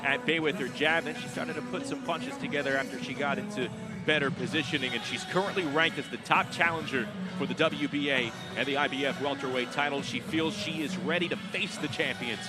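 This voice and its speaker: A man's voice: medium pitch, brisk, loud music behind the voice. A man hosting a boxing broadcast with polished live sports commentary.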